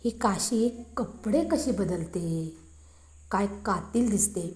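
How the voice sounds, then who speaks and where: A woman's voice: mid-range voice, expressive, takes it slowly, a little mellow. Woman playing a teasing young man. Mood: musing.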